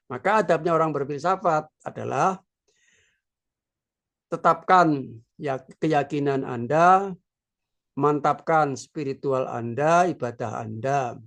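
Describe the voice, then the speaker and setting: A man in his sixties, a philosophy professor, giving an informal lecture in a slow, reflective way with many filler words. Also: mid-range voice, creaky, fairly bright tone. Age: 60s. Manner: unhurried, reflective, with frequent filler "ya".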